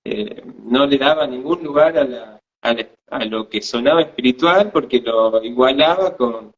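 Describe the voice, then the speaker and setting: A man's voice: mid-range voice, normal speed. A man, co-hosting and telling a personal spiritual story hesitantly, often repeating words. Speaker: podcast co-host. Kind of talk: casual spiritual storytelling chat. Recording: slightly dull lo-fi sound.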